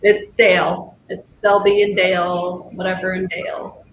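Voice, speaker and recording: A woman's voice: fairly low pitch, flat delivery, unhurried. A woman chatting playfully with friends, often breaking into giggles. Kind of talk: casual chat. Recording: echoey room with faint noise.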